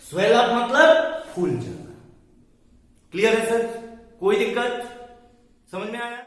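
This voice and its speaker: A man's voice: very high voice, lively intonation, slow. A male teacher giving a lesson, constantly checking that his students understand and spelling out English phrases word by word. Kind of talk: classroom lecture. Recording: echoey hall from far off.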